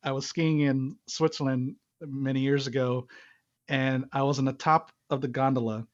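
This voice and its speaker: A man's voice: medium pitch, level tone, moderate pace. Chatty man from Hawaii on a dull call line. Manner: rambling, with restarts and chuckles. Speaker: podcast guest, marriage and business consultant. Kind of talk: conversational storytelling.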